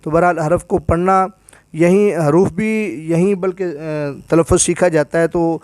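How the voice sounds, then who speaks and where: A man's voice: a little high, steady tone, darkish tone, no echo. Patient Urdu-speaking male Quran teacher. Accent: Pakistani Urdu. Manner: explains with everyday comparisons, repeats drill syllables slowly. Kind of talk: patient step-by-step lesson with drills.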